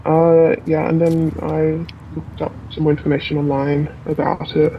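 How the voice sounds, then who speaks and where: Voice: medium pitch, flat delivery, normal speed, muffled recording, slight background noise. An anonymous tenant speaking hesitantly in a news interview, their voice electronically disguised. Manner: hesitant, with filler sounds. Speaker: anonymous public housing tenant. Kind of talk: interview clip in a news report.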